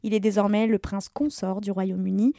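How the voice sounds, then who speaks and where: Lady chatting on a podcast, lively, dry close mic. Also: medium pitch, moderate pace, vocal fry, dry recording. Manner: lively, laughing storyteller. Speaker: columnist. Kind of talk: casual podcast chat.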